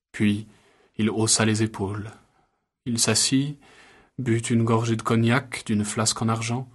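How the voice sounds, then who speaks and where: A man reading a story aloud in an even, measured way. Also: mid-range voice. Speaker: narrator. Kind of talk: scripted story narration.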